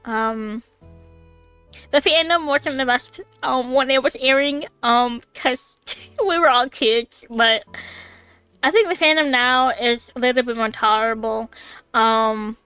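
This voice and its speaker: A young woman in her twenties chatting on a home stream, her voice high and bright, with a smooth, clear tone. She rambles excitably through fillers and laughter and swears casually. Faint music plays behind her. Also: slow, no room sound. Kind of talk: casual chat on a live stream. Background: faint background music.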